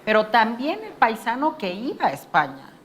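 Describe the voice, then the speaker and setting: A woman speaking as an expert interviewee, in a measured, explanatory way. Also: fairly high pitch, sing-song, a little hiss or hum.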